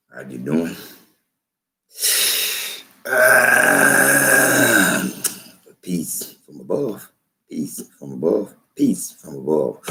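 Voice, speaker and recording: Slow, deep-voiced man preaching to camera. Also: creaky, a bit bright. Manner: preachy, repetitive, emphatic. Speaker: vlogger. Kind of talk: slow spoken commentary to camera.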